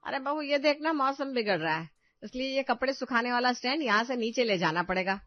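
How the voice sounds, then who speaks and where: A woman's voice: fairly high pitch, animated, a little fast, no echo, close to an everyday voice. A woman voicing a bossy, practical middle-aged mother-in-law in a cartoon story, firm and scolding. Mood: instructing. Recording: dull dry voice-over with faint music.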